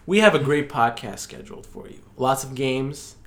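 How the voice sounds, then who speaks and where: A young man hosts a podcast in loose, casual chat, teasing his guest with playful questions. His voice sits at an ordinary middle pitch. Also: moderate pace. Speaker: podcast co-host.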